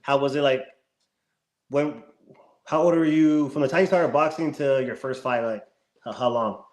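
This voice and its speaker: A man co-hosting a live stream interview, asking halting, stumbling questions. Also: mid-range voice. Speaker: co-host. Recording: echoey room.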